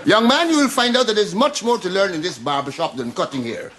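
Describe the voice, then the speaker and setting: A man's voice: high-pitched, expressive, fairly quick, fairly bright tone. An actor with a Guyanese accent playing a boastful older male barbershop owner who lectures his customers in a studio sitcom. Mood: pompous. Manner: pompous, lecturing.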